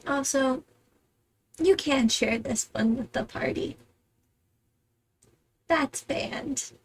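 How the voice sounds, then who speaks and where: A woman's voice: high voice, drawn-out words, gravelly, distant mic, slight background noise. A woman narrating as game master of a tabletop role-playing game, teasing her players.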